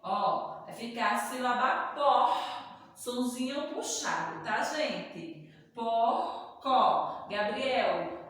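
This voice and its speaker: A woman's voice: sits high, fairly bright tone, slight background noise. A woman teacher, patiently spelling out syllables letter by letter and praising young children in a recorded reading lesson. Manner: calls herself "tia", coaxing and praising. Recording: echoey room, distant from the mic, long reverb.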